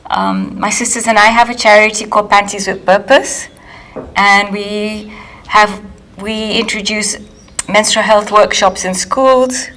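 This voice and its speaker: A woman from Kenya, an author and editor speaking in a measured, careful way during a recorded interview with retakes. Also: mid-range voice, a bit bright. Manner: measured, careful, restarts lines.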